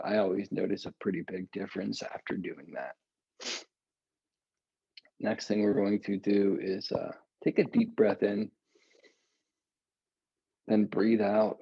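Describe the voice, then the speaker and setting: Slow, gravelly man guiding breathwork. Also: lowish voice, no room sound, muffled recording. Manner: slow, calm, relaxed with casual asides. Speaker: meditation and yoga guide. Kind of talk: guided breathing and stretching instruction. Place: home, seated on a meditation cushion.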